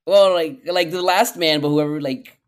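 A man's voice: on the high side, moderate pace, clear, resonant tone. A man co-hosting a podcast in casual, joking banter, on his own microphone. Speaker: podcast co-host. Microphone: own microphone, joining remotely by call.

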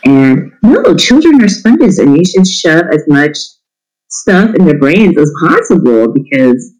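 Chatting as an interview guest, a middle-aged man who homeschools his kids is candid, irreverent and pokes fun at himself. He sounds very animated, with a fairly high pitch, a darkish tone and a slightly slow pace, on a rough recording.

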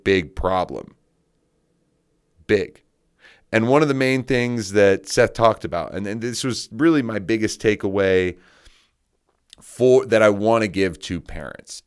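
A man's voice: lowish voice, clear, resonant tone. A man coaching youth sports, giving an earnest, emphatic solo podcast rant with words repeated for stress.

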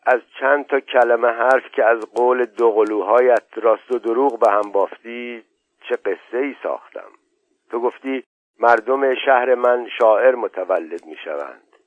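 A man's voice: medium pitch, no room sound, close to an everyday voice. A man voicing an Irish man telling a dreamy tale over a drink, in a lyrical, musing manner. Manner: wistful, lyrical storytelling. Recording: dull, dry lo-fi audio.

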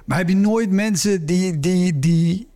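A man's voice: high-pitched, a little slow, warm tone. A man hosting a podcast, asking a guest curious, probing questions in a casual chat. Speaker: podcast host.

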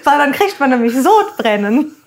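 A woman with a high-pitched voice co-hosts a podcast. She talks in an easy, casual way and has a playful, lightly teasing manner. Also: sing-song, normal speed. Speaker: podcast co-host. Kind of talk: casual chat.

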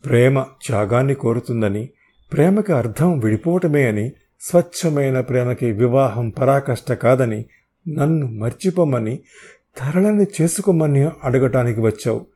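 Mellow-voiced male audiobook narrator. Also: mid-range voice, expressive, moderate pace, slightly rough. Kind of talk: first-person novel narration.

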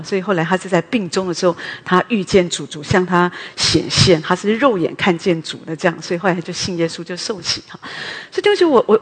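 A middle-aged woman giving a personal testimony sermon at a prayer meeting, chatty and often ending phrases with a soft "ha". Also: fairly low pitch, husky. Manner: conversational, tags sentences with a soft "ha". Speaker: preacher at a women's morning prayer meeting. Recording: long hall reverb.

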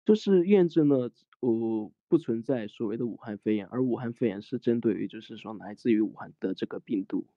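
A man's voice: medium pitch, a little fast, hardly any pauses, no room sound, dull audio. A man in a heated online debate, hesitant and defensive. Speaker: debate participant.

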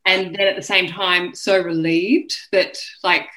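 Woman, early forties, low-pitched, candid animated storyteller, interview guest. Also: unhurried, low-quality recording. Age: early 40s. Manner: frank, animated, acts out quoted voices. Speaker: author guest.

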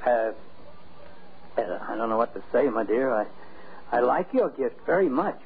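A courtly, sparring doctor in a vintage radio comedy. His mid-pitched voice moves in very animated swoops, over a noisy, tinny old recording. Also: moderate pace, slightly rough. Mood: flustered. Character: jovial, sparring male doctor, a family friend.

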